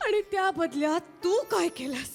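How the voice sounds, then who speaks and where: An actress playing a wronged young wife in a TV soap, pleading through melodramatic sobs. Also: female voice, very high-pitched, animated, moderate pace. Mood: sobbing, pleading. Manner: melodramatic sobbing lament. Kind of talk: soap opera melodrama within a sketch. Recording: loud music behind the voice.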